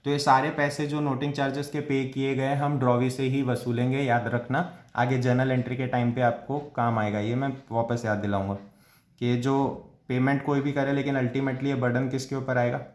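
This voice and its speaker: A male commerce tutor, at a middle pitch, talks through a lesson step by step. He asks questions and answers them himself, and slows right down to read out definitions. His voice rings in an echoey room. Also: level tone. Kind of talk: classroom lecture in Hinglish.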